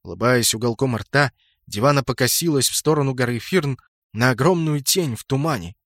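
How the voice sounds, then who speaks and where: Measured male audiobook narrator, dry sound. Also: mid-range voice, dry recording. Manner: steady, measured storytelling. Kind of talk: scripted narration.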